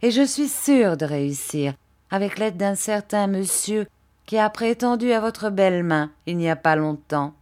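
A woman reading an audiobook, voicing a spiteful young woman full of hatred, who speaks slowly and cuttingly. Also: medium pitch, animated, darkish tone, lightly acted. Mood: contemptuous. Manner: slow, hard, cutting delivery.

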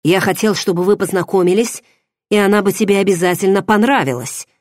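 A man's voice: sits high, fairly even intonation, brisk, no echo, clean studio sound, natural voice. A woman reading the part of a self-assured noble man who speaks tensely and insistently, in an audiobook. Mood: defensive.

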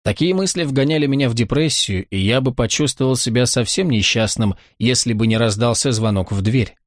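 A man narrating a first-person audiobook in a dry, ironic, measured way. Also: mid-range voice, no room sound.

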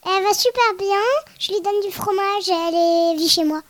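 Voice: extremely high pitch, fairly even intonation, moderate pace, a bit bright. A very young-sounding performer playing a small mischievous Christmas elf in a children's podcast, talking in a simple, childlike way. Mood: mischievous, proud. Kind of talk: playful children's podcast role-play.

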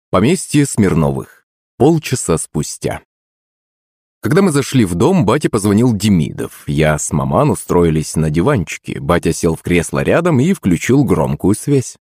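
A man with a deep, husky voice narrates a first-person audiobook. His delivery moves a lot in pitch and stays expressive. The sound is dry and close to the mic. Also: no room sound.

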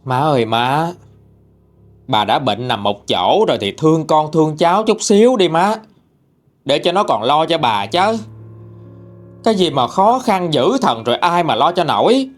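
A man voicing an exasperated middle-aged son who argues loudly with his mother in a Southern Vietnamese accent, inside a spoken ghost story. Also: on the high side, big pitch swings, measured pace, pitched above the performer's own voice. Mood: pleading. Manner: loud, pleading then shouting.

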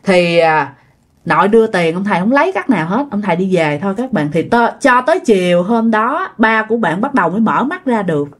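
A woman's voice: mid-range voice, lively intonation, a little fast. A woman with a Southern Vietnamese accent telling a ghost story in a chatty, casual way, speaking straight to her listeners. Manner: chatty, addresses listeners directly.

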